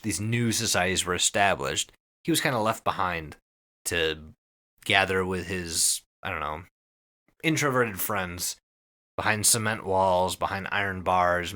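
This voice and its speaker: Summarizing an internet horror story for his podcast, a man speaks at a normal speed in a low voice with a bright, forceful edge. His telling is casual, peppered with swearing, emphatic wording and dry little asides.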